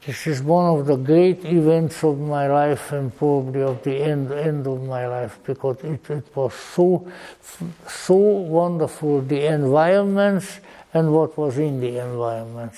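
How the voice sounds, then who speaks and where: An elderly man with a Hungarian accent giving an informal, rambling talk in a halting, deliberate manner, with formal old-fashioned wording and dry humour. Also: on the high side, dark tone, poor audio. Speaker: lecturer. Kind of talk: informal rambling reminiscence to an audience.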